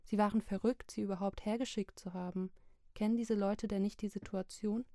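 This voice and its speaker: A woman narrating a literary book chapter in a slow, measured, even reading. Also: medium pitch, dry recording, studio quality. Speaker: audiobook narrator.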